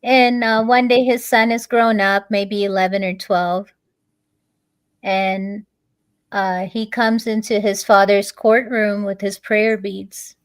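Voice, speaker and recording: A woman, a guest in a conversation, telling a long story in a halting way, pausing on many fillers and restarts. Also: mid-range voice, level tone, dry recording.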